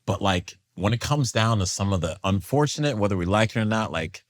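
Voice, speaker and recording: A man speaking as a guest in a casual panel discussion, animated and full of fillers. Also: lowish voice, a little fast. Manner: animated, acts out quoted voices, many fillers.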